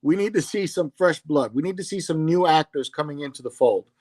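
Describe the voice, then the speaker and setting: A man's voice: fairly high pitch, animated, a little fast, darkish tone, husky, dry recording. A man co-hosting a casual fan chat, opinionated and emphatic as he talks about comics and casting. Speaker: podcast co-host.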